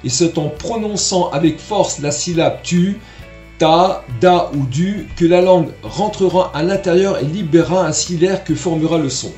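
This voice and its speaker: A man's voice: on the high side, moderate pace, hardly any pauses, mellow, roomy sound, faint music behind. A man teaching trumpet online, explaining tonguing patiently and sounding out syllables as he goes. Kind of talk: online music lesson.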